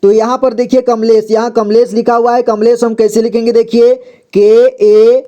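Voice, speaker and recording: Patient man teaching with a dark voice. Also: very high-pitched, level tone, highs cut off. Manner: patient, repeats and spells out letters slowly. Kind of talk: spoken lesson.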